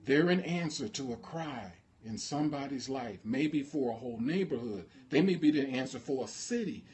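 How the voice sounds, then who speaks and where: A man's voice: mid-range voice, expressive, normal speed, a little mellow. A man preaching a sermon as pastor, impassioned and drawing call-and-response from the congregation.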